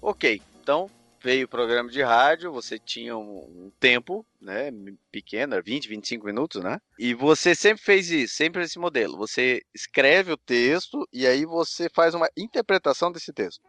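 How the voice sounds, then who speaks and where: A middle-aged man interviewing a guest, speaking in a measured, hesitant way and often restarting his sentences. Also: medium pitch, expressive, sharp tone, dry recording, faint music behind. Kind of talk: relaxed interview questions.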